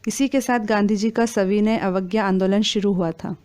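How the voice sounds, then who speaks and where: Lady reading out exam questions n answers, very even and formal, smooth voice. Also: medium pitch, moderate pace. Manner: steady formal recitation. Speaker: exam quiz narrator.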